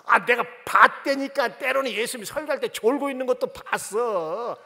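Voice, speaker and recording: A man voicing a teasing young servant girl who accuses someone, in a taunting, drawn-out voice during a sermon. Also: very high voice, pushed and bright, long reverb tail, pitched above the performer's own voice, heavily acted.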